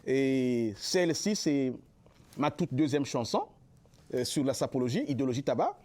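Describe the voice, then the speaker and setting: Speaking on a local TV interview, this young Congolese musician, a Lari speaker, replies haltingly with many long, stretched fillers. His mid-range voice swings widely in pitch and has a darkish tone.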